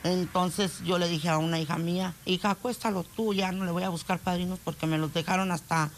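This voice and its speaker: A woman's voice: lowish voice, steady tone, a little fast, slight background noise. An older woman with a northern Mexican accent, telling a reporter her story with emotion and acting out what her family said. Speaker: interviewee.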